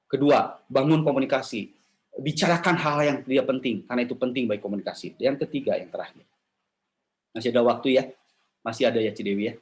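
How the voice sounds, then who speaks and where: A man's voice: medium pitch, fast. Man preaching animatedly to a women's gathering. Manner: animated, jumps into playful quoted voices and asks the audience questions; casual slangy talk mixed with formal preaching. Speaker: speaker at a women's church gathering. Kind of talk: lively sermon.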